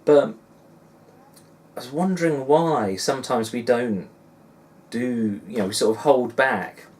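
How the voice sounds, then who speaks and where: A man in his forties with a Suffolk accent talks casually to his viewers, musing and rambling with a self-deprecating touch. His voice sits at a middling pitch. He is recorded some way from the microphone, with faint noise behind him. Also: measured pace, darkish tone. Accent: Suffolk English. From Suffolk, England. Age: 40s. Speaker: dad blogger and vlogger. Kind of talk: casual rambling vlog chat. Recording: distant mic with faint background noise.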